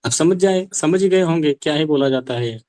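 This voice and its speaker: A man's voice: fairly high pitch, moderate pace, darkish tone, no room sound. A male Sanskrit teacher giving an online language class, explaining step by step and asking rhetorical questions.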